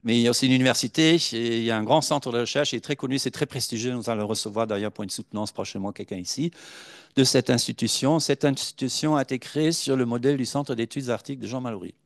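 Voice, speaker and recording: A man's voice: mid-range voice, quick pace, no echo, studio quality. A man giving a university conference talk from slides, hesitant and full of filler sounds as he tells anecdotes. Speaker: lecturer.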